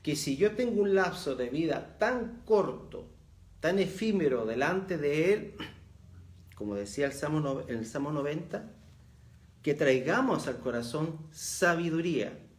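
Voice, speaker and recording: A man's voice: fairly high pitch, animated, measured pace. A middle-aged man with a Chilean accent, preaching a reflective sermon and rising in emphasis as he reads verses aloud. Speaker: pastor.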